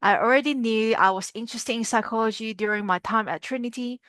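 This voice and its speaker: A woman in her twenties from China, a psychologist, calmly recalling her path in an interview. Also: a little high, fairly quick, no room sound. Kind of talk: calm interview recollection.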